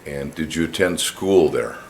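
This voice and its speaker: A man's voice: a bass voice, unhurried. A man serving as the plaintiff's attorney, questioning a witness in a courtroom with patient, plain questions and small restarts. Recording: echoey courtroom audio with background noise.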